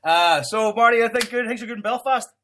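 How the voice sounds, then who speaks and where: A man's voice: very high voice, fairly quick, fairly bright tone, a little hiss or hum. A man hosting a casual football podcast, full of jokey, sweary banter. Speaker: podcast host.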